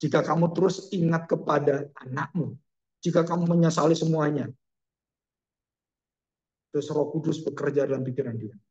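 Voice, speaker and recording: A man's voice: on the high side, moderate pace, pauses often, darkish tone, muffled recording. A man preaching a sermon, telling a story expressively with emphatic exclamations and ending in prayer. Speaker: pastor.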